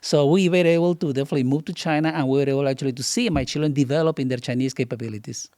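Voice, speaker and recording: A man's voice: mid-range voice, rapid-fire, a little mellow, no room sound. A man from Peru, a business author and keynote speaker, giving confident, explanatory answers as a studio guest. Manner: confident, explanatory, lists points.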